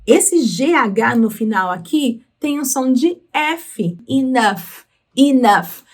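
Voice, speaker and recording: A woman with a Brazilian Portuguese accent teaching English through song lyrics, explaining patiently and slowing down on words. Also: fairly high pitch, lively intonation. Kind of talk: explaining lyrics in a language lesson.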